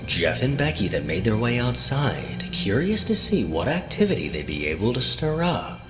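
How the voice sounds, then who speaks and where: A man's voice: medium pitch, sing-song, normal speed, music in the background. A man reading scripted narration for a show in a suspenseful, storytelling way.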